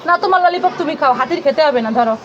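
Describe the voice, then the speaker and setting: A woman's voice: sits high, expressive, rapid-fire, dull audio, some chatter behind, slight background noise. A woman, a mother and vlogger, coaxing and fussing over her toddler in a casual family home video.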